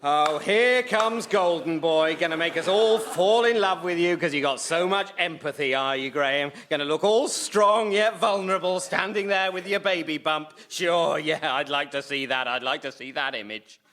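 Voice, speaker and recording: A man's voice: on the high side, steady tone, moderate pace, hardly any pauses, pushed and bright. A man playing a pompous, irritable panel chair in a radio sketch comedy, blustering and exasperated. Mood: jealous.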